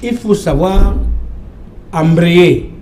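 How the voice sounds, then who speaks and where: A man's voice: high voice, drawn-out words, darkish tone, reverberant, slight background noise. An older professor from Cameroon arguing emphatically as a guest on a televised panel debate, often repeating his phrases. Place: TV studio.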